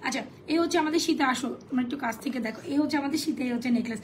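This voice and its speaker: Hoarse, fast, high-pitched Bangladeshi saleswoman. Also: background noise. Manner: chatty, mixes English sales phrases. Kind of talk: live sales stream.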